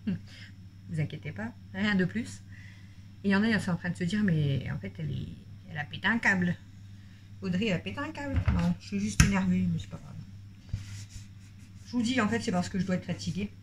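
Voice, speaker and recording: A woman's voice: on the low side, fairly quick, pauses often, slight background noise. Chatty, rambling woman vlogging. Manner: rambling and talkative, jumps between topics; excitable, voice jumps up when worked up. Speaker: family vlogger. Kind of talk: casual chatty vlog to subscribers.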